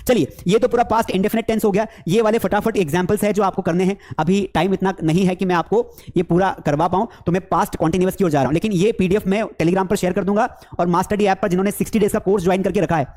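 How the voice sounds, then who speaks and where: A man's voice: high-pitched, steady tone, quick pace, darkish tone. A man teaching English in a live online class, with a Hindi accent, coaxing students with repeated questions.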